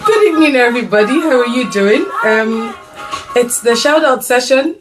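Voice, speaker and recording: Over music, a middle-aged Nigerian woman with a slightly high voice and lively intonation hosts an online mums' group show at normal speed. Upbeat and playfully teasing, she interviews her son in a casual chat, saying um frequently.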